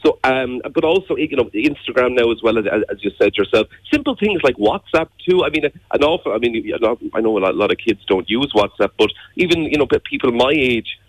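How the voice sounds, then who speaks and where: A man's voice: mid-range voice, expressive, a little fast, hardly any pauses, rough recording. A young Irish man with a Wexford accent, chatting as a radio interview guest in a wordy way, repeating words as he thinks aloud. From Wexford, Ireland.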